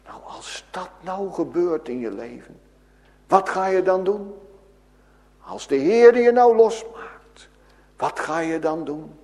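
A man's voice: high-pitched, animated, slow, long pauses, darkish tone. A man preaching in a church, telling a Bible story to a congregation with vivid, emphatic exclamations. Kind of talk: children's sermon storytelling. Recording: echoey church hall.

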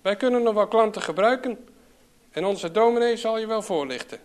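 A man's voice: on the high side, very animated, normal speed. A man reading aloud, voicing a mocking young coworker in a storybook. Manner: jeering, loud.

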